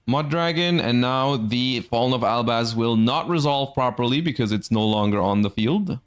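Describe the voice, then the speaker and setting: A man's voice: medium pitch, normal speed, clear, resonant tone, faint music behind. Man commentating a card game tournament. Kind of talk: live esports card game commentary with chat asides.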